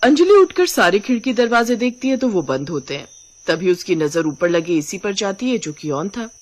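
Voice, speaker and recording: A woman narrates an animated storybook at a brisk pace. Her voice sits in an ordinary middle range. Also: mid-range voice.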